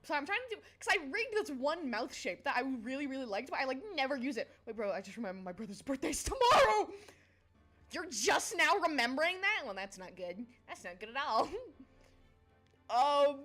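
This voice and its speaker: Over soft background music, a young woman chats casually with livestream viewers, giggly and scatterbrained as she jumps between topics. Her high voice is a bit bright and very animated, at normal speed.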